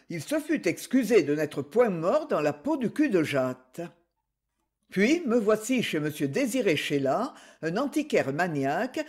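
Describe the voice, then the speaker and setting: Woman, audiobook narrator, slow, breathy, lively pitch, expressive reading. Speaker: audiobook reader. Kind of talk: scripted narration.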